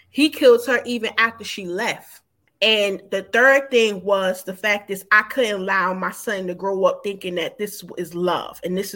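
A woman in her forties appears as a podcast guest, telling her own story frankly in loose, informal speech full of fillers. Her voice sits in the mid-range with a fairly bright tone.

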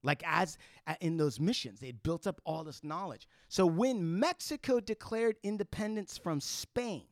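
High-voiced man explaining things in casual chat. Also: animated, moderate pace, few pauses, dry recording, clean studio sound. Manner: emphatic storytelling with casual swearing and checking "right?". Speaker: podcast co-host explaining history.

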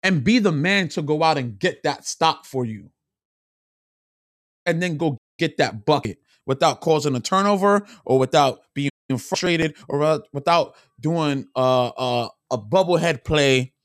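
A man's voice: on the high side, a little slow, no room sound, clean studio sound. A man giving an opinionated sports rant to camera, frustrated and repeating himself for emphasis. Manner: animated, frustrated, repetitive emphasis. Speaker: sports vlogger.

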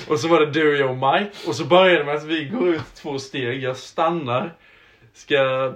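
Young man telling a lively story. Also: fairly high pitch. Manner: animated anecdote-teller. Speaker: podcast co-host. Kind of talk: casual podcast chat.

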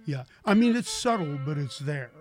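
An older man chatting casually about guitars and musicians, telling stories in a relaxed way with many fillers. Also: a little high, normal speed, music in the background. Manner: relaxed storyteller, lots of "you know".

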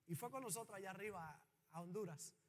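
A man preaching a sermon as pastor of his church, with an impassioned delivery that swells to loud, fervent peaks. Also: sits high, fairly quick, in a large hall.

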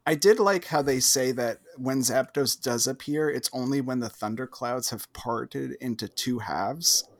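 A man's voice: medium pitch, a little slow, few pauses. A man in casual group chat, easygoing and rambling with many fillers.

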